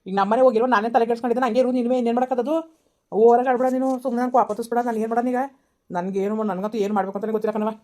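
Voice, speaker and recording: A quarrelsome rural woman locked in a family feud, played by a woman in an amateur comedy skit. She scolds and curses in a rapid-fire torrent, her voice a touch high yet mellow and dark in tone. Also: fairly even intonation, natural voice. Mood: quarrelling. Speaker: actor in a village family skit.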